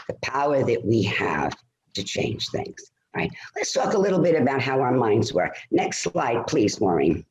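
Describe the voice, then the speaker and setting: A man presenting a stress-management talk on a video call, lively and conversational, often checking in with "all right?". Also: mid-range voice, muffled recording. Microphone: computer mic on a video call. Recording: roomy video call audio.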